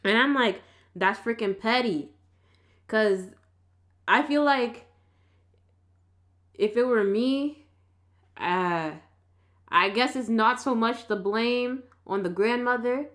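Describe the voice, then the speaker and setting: A woman chatting casually and arguing her point in an insistent, colloquial, animated way. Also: a little high, takes it slowly, pauses often. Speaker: vlog host. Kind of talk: casual argumentative chat.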